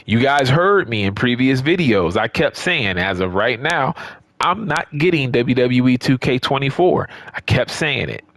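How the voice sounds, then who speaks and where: A gaming YouTuber chats casually and unscripted with his viewers, stressing points by repeating phrases and often checking in with them. His mid-range voice is a bit bright, with lively intonation and a measured pace, in a dry recording.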